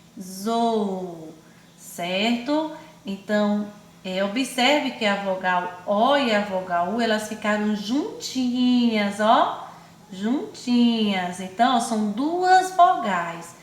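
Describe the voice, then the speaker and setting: A woman with a Brazilian accent teaching young children in an online class, speaking affectionately and stretching words out slowly syllable by syllable. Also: mid-range voice, animated, roomy sound. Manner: affectionate, calls pupils "my loves" and herself "auntie". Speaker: primary school teacher.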